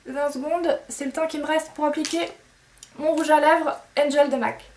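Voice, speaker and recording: A woman's voice: high voice, fairly even intonation, normal speed, darkish tone, distant mic. A woman beauty vlogger chatting casually to camera, hesitant and filler-heavy.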